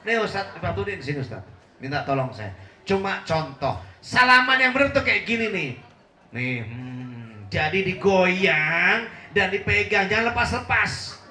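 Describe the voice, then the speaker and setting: A middle-aged man with a slightly high, sharp-toned voice preaches a humorous sermon to a live congregation, teasing them and laughing often. The room is echoey, with a faint hum.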